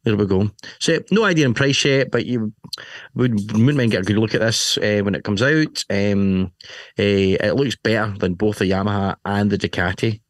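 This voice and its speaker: Broad Scottish man, low-pitched and playful. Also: normal speed, no room sound, clean studio sound. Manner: playful, self-deprecating. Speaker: motorbike show co-host. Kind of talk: casual jokey bike chat.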